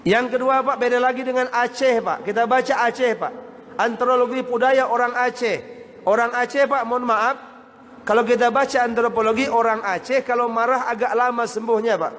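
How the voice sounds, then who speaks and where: High-voiced male preacher in a hall. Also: steady tone, brisk, a bit bright. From Indonesia. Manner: addresses the audience constantly as Pak and Bapak Ibu. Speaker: Islamic preacher. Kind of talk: sermon. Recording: hall reverb with faint noise.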